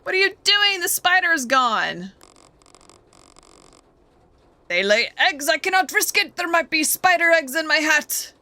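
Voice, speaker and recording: A woman voicing a stiff, insecure ringmaster in a game who speaks slowly and formally, like a robot. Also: on the high side, very animated, pushed and bright, dry recording, exaggerated voice.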